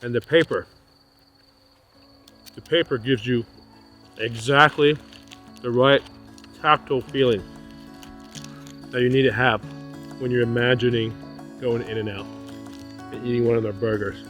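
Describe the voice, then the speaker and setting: A man's voice: mid-range voice, measured pace, long pauses, soft background music. A middle-aged man in a casual vlog, chatting outdoors by his van while eating. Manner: relaxed, talking with his mouth full while eating. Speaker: van life vlogger.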